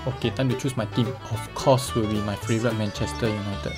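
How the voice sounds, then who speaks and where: A man's voice: fairly low pitch, fairly even intonation, quick pace, music in the background. A man in his twenties with a Singaporean accent, chatting casually to himself in Singlish with lots of exclamations, as in a gaming vlog. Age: 20s. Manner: exclamatory, talking to himself with colloquial particles. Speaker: vlogger. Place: small bedroom, indoors.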